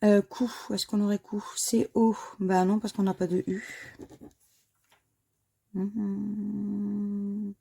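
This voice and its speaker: A woman's voice: mid-range voice, flat delivery, slow, pauses often, warm tone, slightly rough. A woman who talks casually to her viewers while scratching lottery tickets, spelling out letters one by one and muttering under her breath between them. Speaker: scratch-card vlogger.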